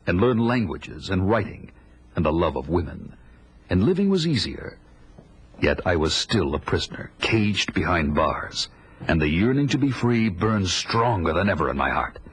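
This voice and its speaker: A man's voice: sits low, fairly bright tone, husky, exaggerated voice, low-quality recording. An actor playing a fierce, proud barbarian warrior who recounts his life in grandiose, theatrical audio-drama style. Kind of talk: dramatic first-person narration, 1980s audio drama. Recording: dramatic music under the voice.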